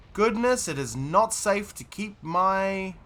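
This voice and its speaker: New man, streamer, bright and animated, chatty. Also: high voice, takes it slowly. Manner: chatty, laughs often, thinks aloud. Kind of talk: casual live gameplay chat.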